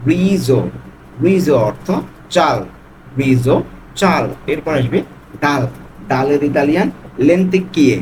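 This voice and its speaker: A man with a slightly higher voice teaches words one by one, saying each term and then repeating it slowly and patiently. A faint hiss sits under the recording. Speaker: language tutor. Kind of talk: vocabulary lesson.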